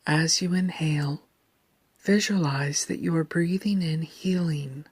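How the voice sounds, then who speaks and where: A woman with a low, soft, breathy, near-whispered voice narrates a slow, scripted guided meditation. She is calm, deliberate and soothing, and the sound has no echo.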